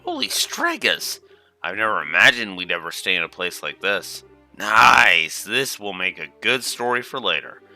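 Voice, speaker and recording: A man plays a feisty, brash teenage game heroine. The voice is forceful and very bright, blunt and excitable, with faint music. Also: deep voice, normal speed, vocal fry, full character voice. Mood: amazed. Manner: brash, slangy.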